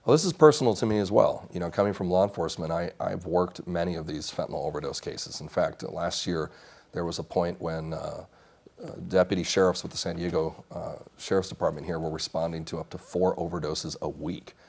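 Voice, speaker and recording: Brisk and gravelly, with a low, darkish voice, a congressional candidate in his thirties answers interview questions on a small TV studio set. Having grown up in Mexico, he speaks earnestly and assertively and frequently restarts his sentences.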